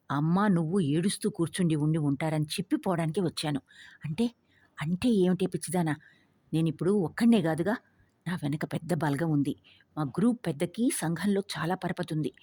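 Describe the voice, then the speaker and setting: A woman voicing a cocky young man on the run, brash and teasing, with a husky voice. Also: deep voice, a little fast, mellow, dry recording. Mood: cocky, hushed.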